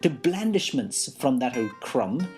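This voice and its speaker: A woman's voice: very deep voice, big pitch swings, measured pace, a little mellow, faint music behind, exaggerated voice. A woman voicing a cheeky, scornful talking cat in a storybook reading, blunt and indignant.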